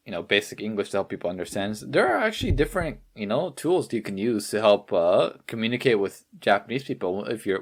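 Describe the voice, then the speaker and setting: Easygoing low-voiced man co-hosting a podcast. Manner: easygoing, agreeable, many fillers. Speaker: podcast co-host. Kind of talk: casual podcast chat.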